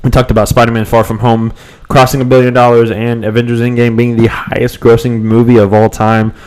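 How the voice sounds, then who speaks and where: A young man co-hosts a fan podcast's casual live stream in a smooth, darkish, mid-range voice, speaking fairly quickly with a level tone. A cold makes his voice cut in and out, and he rambles with lots of ums and restarts. The recording is rough.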